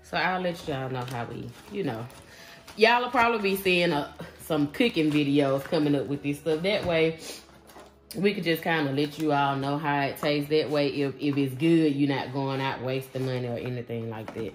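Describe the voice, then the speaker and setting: A woman, chatting casually through a grocery haul in her home kitchen, relaxed and full of fillers. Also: low-pitched, moderate pace, faint music behind. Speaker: vlogger.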